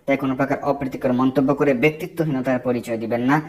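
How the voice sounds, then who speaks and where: A man giving devotional ritual instruction in a firm, teaching manner, slowing down to chant Sanskrit mantras in a measured way. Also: medium pitch, steady tone, a little mellow. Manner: firm, didactic and prescriptive. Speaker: Vaishnava religious instructor.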